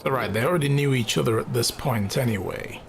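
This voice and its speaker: A man's voice: medium pitch, a little fast, vocal fry, a little hiss or hum. A man giving casual playthrough commentary as a game streamer. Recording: game music behind voice.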